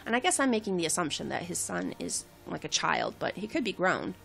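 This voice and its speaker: A woman gives casual game commentary. Her pitch is middling and very animated, with some fry. She drops chatty, wry asides over soft music. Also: a little fast. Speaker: let's play host.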